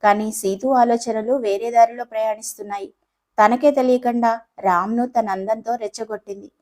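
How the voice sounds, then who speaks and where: A woman narrating a romantic family audio story in a steady, gentle storytelling manner. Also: a little high, normal speed, rough recording.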